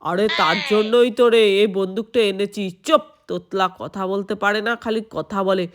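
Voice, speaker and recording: A woman voicing a scheming male thief doll in a Bengali doll-play cartoon, talking low and menacing. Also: moderate pace, lightly acted. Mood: bossy. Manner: low growly menacing talk.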